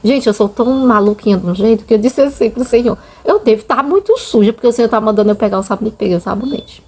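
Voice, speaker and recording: Her voice is a little high with a darkish tone, and she talks quickly. This Brazilian mother hosts a channel, sharing her religious testimony with heartfelt emotion in a relaxed storytelling style, with a Brazilian Portuguese accent and frequent "gente" to her audience.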